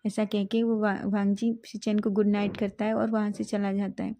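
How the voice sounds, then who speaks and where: A woman's voice: medium pitch, little pitch movement, normal speed, dark tone. A woman narrating a fan-fiction romance in a casual storytelling way, often correcting herself mid-line. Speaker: story reader.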